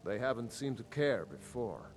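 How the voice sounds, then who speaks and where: An actor playing a proud middle-aged male jarl in a video game, speaking in a measured, formal way. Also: medium pitch, sing-song, over music. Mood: solemn.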